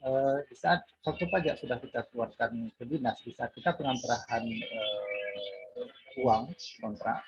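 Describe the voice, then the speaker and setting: A man's voice: medium pitch, vocal fry. Man on a choppy, breaking-up call. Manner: halting, many filler sounds. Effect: choppy, breaking-up call connection. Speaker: audience member asking a question. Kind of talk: question in an online Q&A. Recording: muffled online call with faint noise.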